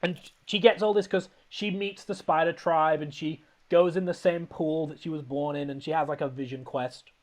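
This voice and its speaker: A man's voice: a little high, fairly even intonation, moderate pace, few pauses. A man hosting a podcast, rambling and laughing as he recaps a film in casual comedic chat. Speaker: podcast host.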